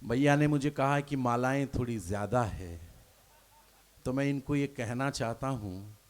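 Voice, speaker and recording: A man's voice: mid-range voice, unhurried. A man performing his poetry on stage at a live poets' gathering, declaiming each couplet twice and speaking straight to the audience.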